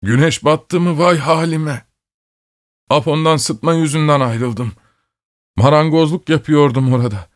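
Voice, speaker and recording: A man voicing a frightened, feverish wounded carpenter who begs in a hoarse, trembling voice. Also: fairly low pitch, slow. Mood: pleading, frightened.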